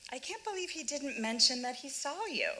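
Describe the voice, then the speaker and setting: A woman's voice: high voice, expressive, fairly quick, sharp tone. A woman playing a fond but evasive young woman, in a casual, conversational cold reading of a stage play. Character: Joan, warm but evasive young woman back home.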